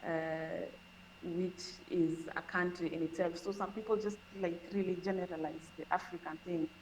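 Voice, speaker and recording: A Kenyan-accented woman speaks as a podcast guest, low-pitched and earnest as she explains. She often repeats words as she goes. A faint hum sits under the recording. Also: little pitch movement, moderate pace, a little mellow, low-quality recording. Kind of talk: casual conversation.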